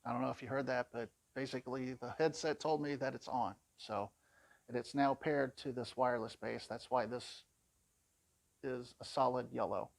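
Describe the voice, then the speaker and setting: A man with a somewhat low, creaky voice walks through a product demonstration step by step, explaining informally in plain, conversational language. His tone is steady and his pace moderate. The recording is dry, with very little room sound and no echo.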